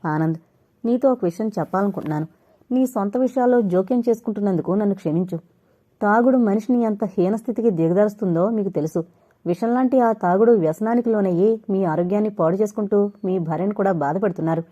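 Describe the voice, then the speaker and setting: A woman narrator voicing a kind young man who gently and earnestly advises a friend in an audio novel. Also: medium pitch, quick pace, close to an everyday voice.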